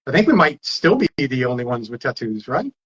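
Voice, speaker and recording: A man's voice: mid-range voice, big pitch swings, a little fast, fairly bright tone, slightly rough, dull audio. A man hosting a casual live stream on a phone or webcam, rambling and reading viewer comments aloud.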